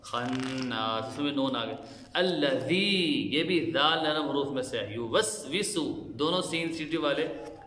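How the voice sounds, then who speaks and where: A man teaching Quran recitation rules, explaining slowly and chanting the verses in long drawn-out tones. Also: a little high, fairly bright tone. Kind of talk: tajweed lesson with chanted recitation. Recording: echoey room with long reverb.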